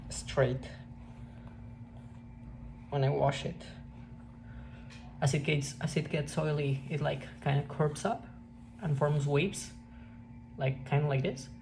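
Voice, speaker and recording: A young woman with a Mexican accent, native Spanish speaker, talking through a reflective personal vlog in a halting way with many restarts. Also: low-pitched, vocal fry. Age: young adult. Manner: hesitant, halting, frequent restarts and fillers. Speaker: vlogger. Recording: steady background noise.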